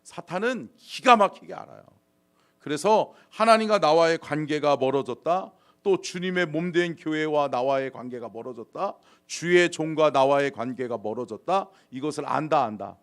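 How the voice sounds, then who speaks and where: A middle-aged man preaches at a dawn service, with a gravelly edge to his fairly high voice. His pitch leaps and falls in a lively way, and he swings between loud calls and near whispers. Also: moderate pace. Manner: dramatic, acts out biblical dialogue, swings from loud to whispered. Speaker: senior pastor. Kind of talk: dawn service sermon and prayer.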